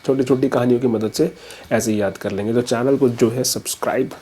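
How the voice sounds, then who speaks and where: A man's voice: medium pitch, fairly even intonation, brisk, warm tone, a little hiss or hum, rough recording. A man explaining a memory trick as an educator, casual and story-driven, mixing in English terms.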